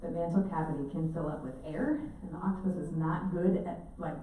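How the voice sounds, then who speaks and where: Woman presenter, mellow voice, animated storyteller, distant mic in a very echoey hall. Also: fairly low pitch, fairly quick, slight background noise. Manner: animated, acts out quotes with laughter. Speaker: presenter giving an octopus talk. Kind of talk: storytelling talk to a live audience. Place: indoor event space with audience. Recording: echoey room, mic from a distance, faint ambience.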